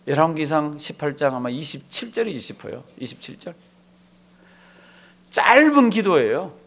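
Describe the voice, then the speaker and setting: Animated male pastor preaching a sermon. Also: fairly high pitch. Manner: animated, asks the congregation rhetorical questions. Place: church before a live congregation.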